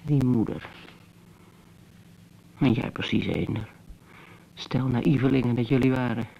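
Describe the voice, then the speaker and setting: An actor playing a bitter, teasing brother who muses to his sister in a slow, mocking monologue, in old radio drama style. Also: medium pitch, vocal fry, warm tone, slightly rough, muffled recording. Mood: musing. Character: wry, bitter adult brother, teasing yet tender. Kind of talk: 1970s Dutch radio drama acting.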